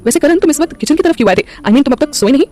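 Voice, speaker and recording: A woman's voice: high voice, expressive, very fast, pitched above the performer's own voice. A woman playing a shy, kind young wife. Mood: friendly. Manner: gentle, shy. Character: young woman, warm, bashful friend.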